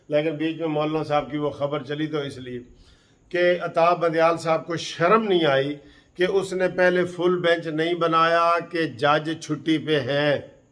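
A man from Pakistan hosting heated political commentary, impassioned and accusing, repeating key phrases for emphasis. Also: a little high.

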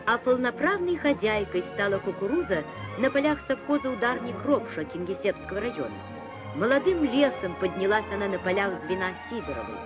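A woman's voice: fairly high pitch, lo-fi sound. A woman narrating a 1960s newsreel in a solemn, declamatory tone, on an old film soundtrack.

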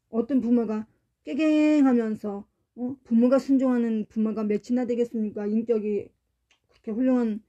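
A middle-aged woman preaching to her congregation in an animated, storytelling manner, often turning to them with questions. Her voice is fairly high but very dark and mellow in tone. The recording sounds dull and lo-fi. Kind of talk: sermon.

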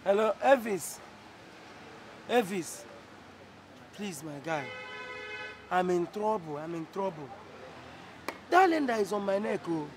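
An anxious debtor in a screen drama, pressing his friend by phone. His high voice carries a Nigerian accent. He pleads urgently and keeps repeating himself. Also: big pitch swings, slow pace, long pauses, a little hiss or hum, exaggerated voice. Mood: worried, pleading. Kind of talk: film drama phone monologue. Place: outdoors by a parked car at a roadside.

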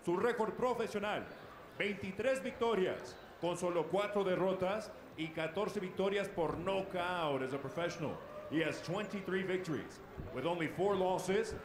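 A man announcing formally as a bilingual boxing ring announcer, in a theatrical, booming lucha libre announcer manner with drawn-out names. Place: boxing ring in a large indoor arena. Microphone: handheld microphone. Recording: echoey arena microphone with noisy background.

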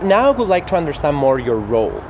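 Young man hosting an interview outdoors, traffic clearly heard. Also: fairly high pitch, big pitch swings, fast. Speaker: interviewer, show host. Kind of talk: casual interview questions. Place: outdoor garden courtyard in a city. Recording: outdoor city noise, traffic clearly audible.

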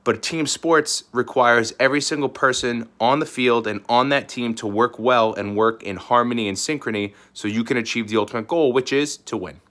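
A man's voice: mid-range voice, fairly even intonation, moderate pace, few pauses, a bit bright. A male teacher giving a recorded lesson to fourth graders, upbeat and addressing them directly. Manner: upbeat, talks directly to children.

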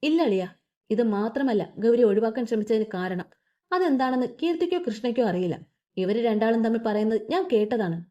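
A calm young man, resentful toward his sisters, speaking quietly and evenly in a mellow voice, as a woman reader puts him on. The sound is dull and lo-fi. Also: fairly high pitch, lightly acted. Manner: quiet, measured.

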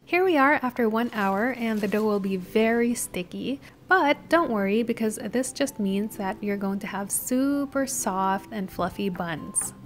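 A woman host calmly narrating a baking recipe step by step as a voice-over. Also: mid-range voice, a little slow, few pauses, slight background noise. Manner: steady step-by-step instructional delivery. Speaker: cooking channel host. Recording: voice-over with music behind.

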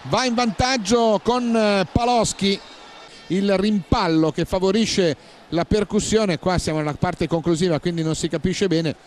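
A man's voice: high-pitched, steady tone, measured pace, a little hiss or hum. A man commentating on a football match as a television commentator.

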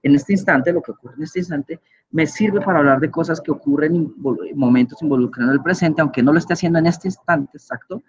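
A man's voice: a little high, fast talker, darkish tone, husky, highs cut off. A man giving an online grammar lecture as a teacher, patient and explanatory, often checking in with his listeners. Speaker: English teacher.

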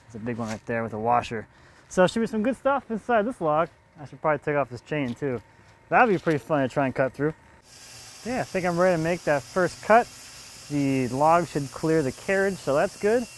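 Man, 30s, casual outdoor narration, slightly raised pitch, thinks aloud, light background noise. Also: brisk. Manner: relaxed, thinking aloud, chuckles often. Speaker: woodworker running a sawmill. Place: outdoors in a yard at a sawmill.

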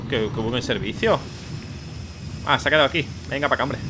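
A young man giving excitable, swearing let's play commentary, yelping at scares. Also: medium pitch, a little fast, background noise. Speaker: gaming YouTuber. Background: game music.

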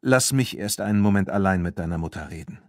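A man voicing a remorseful grown man in an audiobook, speaking softly, earnestly and quickly. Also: low voice, dry recording, studio quality. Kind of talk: audiobook character voice.

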